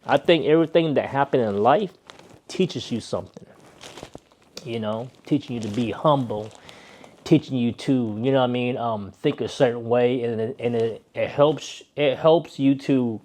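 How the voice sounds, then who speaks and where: A man's voice: mid-range voice, normal speed, mellow. A man chatting casually to his viewers in a loose, rambling way, often checking in with "right?". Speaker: vlogger. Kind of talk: casual chat to camera.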